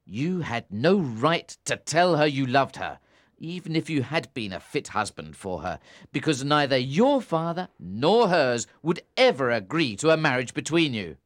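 A woman's voice: very deep voice, big pitch swings, moderate pace, hardly any pauses, fairly bright tone, no echo, pitched below the performer's own voice, exaggerated voice. A woman reader voicing a stern, scornful young man who threatens and commands, in an audiobook. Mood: angry. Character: stern young man, cold and harsh brother.

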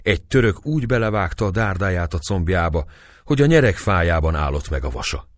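A man reading aloud and voicing a gruff, hearty middle-aged castle lord who speaks in a raised, booming voice. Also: expressive, dry recording, studio quality. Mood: blustering.

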